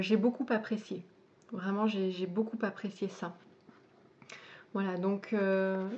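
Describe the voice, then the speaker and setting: A woman's voice: mid-range voice, a little mellow. Hesitant woman presenting a book, dull sound. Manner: hesitant, many fillers and restarts. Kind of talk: casual spoken book presentation.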